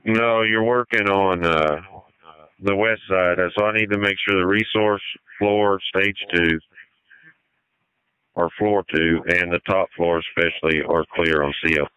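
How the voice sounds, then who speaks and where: A man's voice: sits low, fairly even intonation, measured pace, pushed and bright, clear, resonant tone, no echo. A man giving terse orders as a fire incident commander over a two-way radio. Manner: terse, directive. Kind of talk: firefighter radio dispatching. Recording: dull, band-limited fire radio channel.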